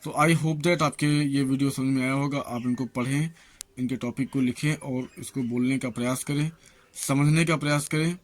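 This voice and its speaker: धीमे-धीमे शब्द गिनाता पुरुष शिक्षक. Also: male voice, medium pitch, steady tone. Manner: slow, listing words one by one; encouraging address to viewers. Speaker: English teacher. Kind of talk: reading out a pronunciation lesson.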